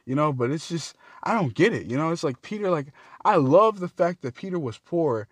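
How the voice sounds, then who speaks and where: A man's voice: expressive, a little fast, dry recording. A young man ranting about a film, swearing often, his voice jumping up when he gets outraged. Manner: heated, swearing, pitch jumps up when outraged. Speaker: video creator. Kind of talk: profane film rant.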